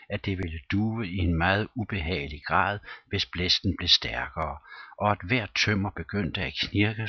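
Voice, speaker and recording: Male audiobook narrator, deep and husky, steady measured reading. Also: dry recording. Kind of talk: scripted narration. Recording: dull lo-fi recording, dry.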